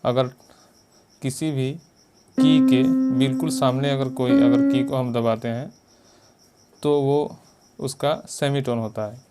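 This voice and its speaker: A man's voice: medium pitch, steady tone, slow, long pauses. A man teaching piano step by step, patiently repeating finger counts and note names. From India. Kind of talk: step-by-step music lesson. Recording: loud piano behind voice. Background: loud piano playing.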